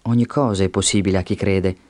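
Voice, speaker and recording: A man voicing a stern male teacher, reading his words in a solemn, measured way. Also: sits low, fairly even intonation, a little mellow, close to an everyday voice.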